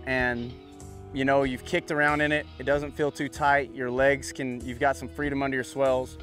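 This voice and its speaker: In this clip, a man in his thirties with a medium-pitched, slightly bright voice coaches a new bronc rider at an outdoor ranch pen. His instruction is casual and easygoing, and he keeps dropping in "you know what I'm saying."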